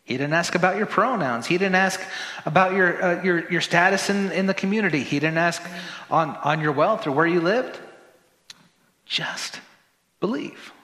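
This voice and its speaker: Preaching in a church sanctuary, this pastor talks in a high-pitched, pushed and bright voice at a moderate pace. His delivery is conversational, with jokes tossed in and words repeated, all echoing in roomy hall reverb.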